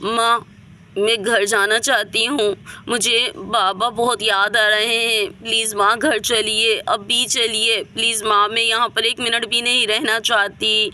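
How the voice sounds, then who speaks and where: A woman voicing a frightened young daughter who pleads slowly and tearfully. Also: a little high, sharp tone.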